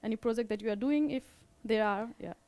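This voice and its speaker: At an informal meetup, the young organizer speaks with a Nepali accent, hesitating and frequently saying things again in different words. Her voice is a little high with a darkish tone, and there's no echo.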